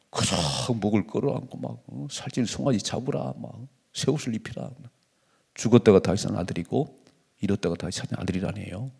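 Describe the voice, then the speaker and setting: A man's voice: fairly low pitch, gravelly, warm tone, slightly rough. A male pastor preaching a dawn sermon in a colloquial, emphatic way, sometimes dropping to a whisper. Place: church sanctuary.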